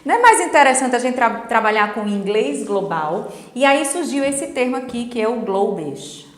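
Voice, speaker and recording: A middle-aged woman, an English teacher, explaining a lesson in a didactic way and checking in with her students through quick tag questions. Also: on the high side, animated. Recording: roomy echo with long reverb.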